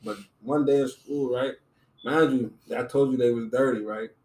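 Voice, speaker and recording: A man casually telling a story on a podcast, animated, acting out other people's lines in raised voices and laughing often. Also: medium pitch, moderate pace. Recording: roomy with faint noise.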